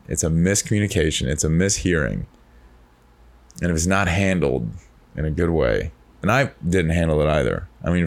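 A man hosting a podcast, talking in a rambling, reflective way with many restarts. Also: low voice. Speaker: podcast host. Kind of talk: casual chat.

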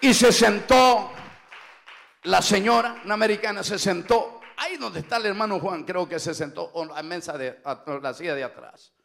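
A middle-aged male pastor preaching a Pentecostal sermon, shouting and throwing in "aleluya" and "hermano" between phrases. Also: high-pitched, normal speed, gravelly, a faint crowd.

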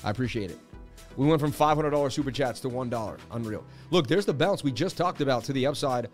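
A man hosting a crypto livestream gives casual market commentary, bantering with viewers in a hyped, boastful way while losing his voice. He sounds mid-range and animated, talks quickly, and faint music plays behind him.

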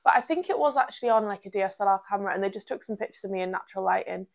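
A young woman in her early twenties chats as a podcast guest in a North East English accent from Durham. Her voice has noticeable vocal fry. She talks informally and peppers her sentences with "like". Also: medium pitch, very fast. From Durham, England. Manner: chatty, uses "like" constantly. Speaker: podcast guest, part-time model. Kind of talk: casual chat interview.

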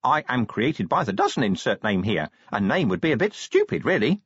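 A man's voice: mid-range voice, sing-song, fairly quick, husky, no room sound. A man voicing an eager, chirpy little imp living in a gadget, relentlessly polite and keen to please. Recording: dull dry studio recording.

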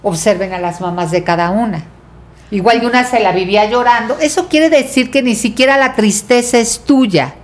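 Woman, middle-aged, Mexican accent, podcast talk, animated, instructive. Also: on the high side, moderate pace. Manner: animated, teacherly, acts out quotes. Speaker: guest teacher.

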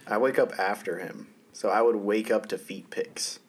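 Low-voiced, dry-humored male guest. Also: normal speed, slightly rough. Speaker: podcast guest. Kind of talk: casual podcast chat.

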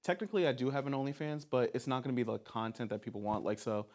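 A man's voice: mid-range voice, fast talker, a little mellow. A young man hosting a casual podcast with a mid-range voice. He argues his side with jokes and laughs often. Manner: joking, argumentative, laughs often. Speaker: podcast host. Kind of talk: casual chat.

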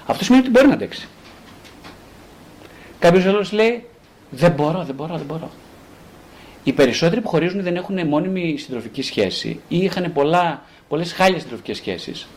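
Lively, animated Greek-speaking psychotherapist man. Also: sits high. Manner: animated, rhetorical, acts out quoted voices. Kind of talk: casual talk on relationships.

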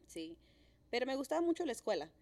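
A woman's voice: sits high, big pitch swings, fast, warm tone. A woman in her thirties from Mexico, a podcast co-host talking in a friendly, easy way. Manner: friendly, encouraging interviewer. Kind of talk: casual conversation.

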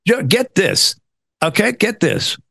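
Male American talk host, fairly high and animated, dry close sound, sarcastic exasperated political ranting. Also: slow, vocal fry, slightly rough, dry recording. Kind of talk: casual political commentary.

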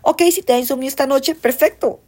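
A woman's voice: high-pitched, steady tone, brisk, darkish tone. A young woman giving an earnest, coaching self-help talk, often addressing herself directly. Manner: earnest, coaching, talks to herself in second person.

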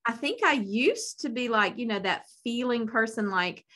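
A woman's voice: fairly high pitch, animated, moderate pace, bright, forceful tone. A woman co-hosting a podcast in casual conversation, with a blunt, wry way of talking. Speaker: podcast co-host. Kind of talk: casual chat.

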